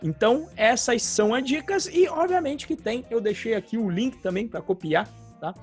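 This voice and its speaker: A man's voice: extremely high pitch, lively intonation, normal speed, soft background music. A man from Brazil co-hosting a podcast, explaining things like a teacher and often tagging his sentences with little check-in questions. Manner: explanatory, frequent "tá?" tag questions. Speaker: podcast co-host, programming teacher. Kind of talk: casual podcast chat.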